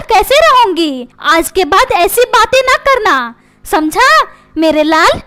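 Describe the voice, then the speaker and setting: A woman's voice: very high voice, a bit bright, heavily acted. A woman voicing a nagging, complaining housewife and mother in a comic cartoon. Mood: doting.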